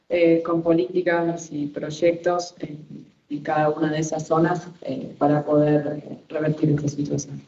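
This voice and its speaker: A webinar moderator interpreting the presentation, speaking with frequent hesitant fillers. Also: mid-range voice. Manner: flat delivery with frequent "eh" fillers. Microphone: video call. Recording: echoey, muffled call from far off.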